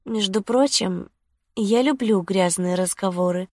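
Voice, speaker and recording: Женщина-чтица озвучивает игривую, влюблённую молодую женщину, мягко и с придыханием. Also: female voice, medium pitch, measured pace, mellow, dry recording, clean studio sound. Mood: flirty.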